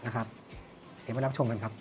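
A man presents an audio product review, explaining by asking questions and answering them himself. He has a lowish voice with little pitch movement and talks fast. Background music plays behind him.

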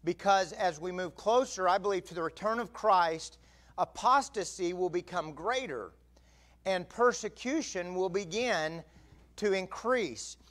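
A middle-aged assistant pastor whose voice sits high and fairly bright talks at a measured pace. In the church sanctuary he gives announcements in a conversational way, then preaches with rising emphasis, recorded through a pulpit mic with a far camera.

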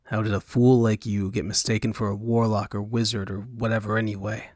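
A man doing a blunt, low-voiced mercenary. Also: level tone, a little fast, darkish tone, no echo, clean studio sound, close to an everyday voice. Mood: curt. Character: gruff male frontier mercenary, blunt and impatient.

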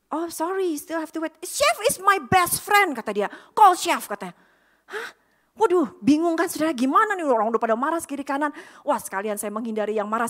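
Woman, pastor, from Indonesia, high voice, animated storytelling sermon, acts out characters.

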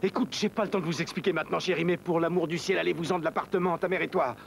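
A man's voice: fairly high pitch, steady tone, racing, vocal fry, slight background noise. Worried father phoning from a payphone. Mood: urgent. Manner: urgent, pressed for time. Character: anxious father warning his daughter. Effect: calling from a public payphone, voice a bit distant. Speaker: father on the phone. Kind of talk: French dub of a TV film.

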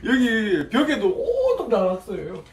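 A man's voice: high-pitched, huge pitch swings, measured pace, a little hiss or hum. A man, chatting and laughing often while filming a food vlog on a phone in a small restaurant. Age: 40s. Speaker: vlogger. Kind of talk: casual food vlog chat. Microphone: handheld phone camera. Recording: echoey small room.

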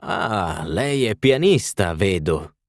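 A fussy, ceremonious little palm reader, played by a man reading an audiobook. He delivers his readings in a measured, lowish voice that rises and falls a lot. Close, dry sound. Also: very animated, no echo.

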